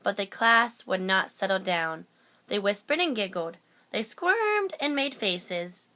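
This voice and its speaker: A woman's voice: medium pitch, sing-song, slow pace, sharp tone. A woman narrating a children's picture book aloud as a storyteller. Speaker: storybook reader.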